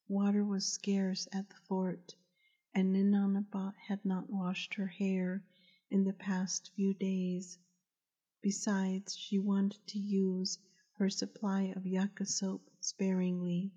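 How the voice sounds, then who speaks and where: A woman narrates an audiobook with a remarkably even, almost monotone delivery, unhurried and deliberate. Her tone is mellow and dark. The recording sounds dull and lo-fi. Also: mid-range voice. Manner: measured, steady storytelling. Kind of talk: audiobook narration of a historical novel.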